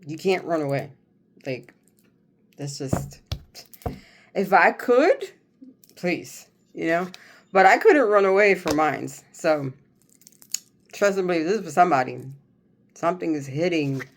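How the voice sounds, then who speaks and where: A woman host chatting casually and rambling through a tarot card reading, folksy and jokey, often pausing and repeating herself. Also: on the low side, sing-song. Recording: clear background noise, card shuffling and clicks.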